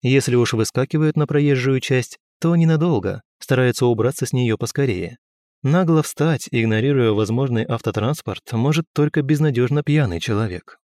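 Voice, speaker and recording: A man reading a story aloud in measured, even scripted narration. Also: mid-range voice, no room sound, clean studio sound. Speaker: audiobook reader.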